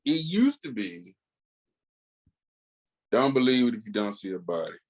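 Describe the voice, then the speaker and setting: A man from rural Tennessee with a Southern US accent co-hosts a comics podcast, chatting in a casual, animated way. His medium-pitched, husky voice is very lively yet measured in pace as he tells colloquial stories and acts out quoted dialogue.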